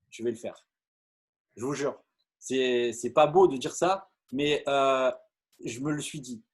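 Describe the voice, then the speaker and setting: A middle-aged man from France tells a story to an audience in a lively way, with stumbles, repeated words and many fillers. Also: medium pitch, breathy edge. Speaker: network marketing speaker. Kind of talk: animated storytelling talk to an audience.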